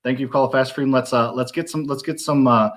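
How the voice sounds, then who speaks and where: A man's voice: mid-range voice, steady tone, fairly quick. A man hosting a live stream interview in an upbeat, hyped manner. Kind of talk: livestream interview chat.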